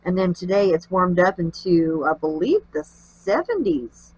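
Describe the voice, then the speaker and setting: A woman with a lowish, darkish, sing-song voice and a nasal, allergy-congested quality narrates a craft tutorial at a measured pace, chatting homily as she works. The audio is rough, with slight background noise.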